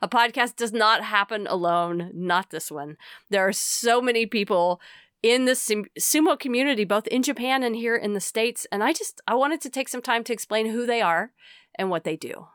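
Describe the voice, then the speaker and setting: A woman's voice: a little high, moderate pace, fairly bright tone, clear, resonant tone, no echo, clean studio sound. A young woman co-hosting a podcast from inside a closet at home, chatty and grateful, laughing often. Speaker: podcast co-host. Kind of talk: casual chat.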